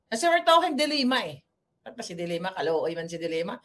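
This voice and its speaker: A woman's voice: on the low side, sing-song, fast, a bit bright. A woman from the Philippines giving a blunt, combative political commentary monologue, chatting freely and switching between Tagalog and English.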